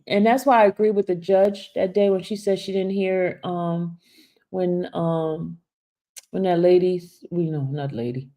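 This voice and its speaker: With a warm, medium-pitched voice, this livestream host in her fifties reads out comments, playfully ribs viewers by name and opens up sincerely about feeling stressed.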